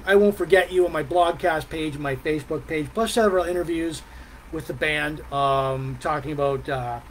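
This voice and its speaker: A middle-aged man with a noticeably high voice hosts a casual live vlog. He wanders through his thoughts haltingly, with frequent pauses and mm sounds. There is clear background noise in the room. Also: poor audio. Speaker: host of a live music and beer review vlog. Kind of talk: casual rambling live chat. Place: small decorated room at home, indoors.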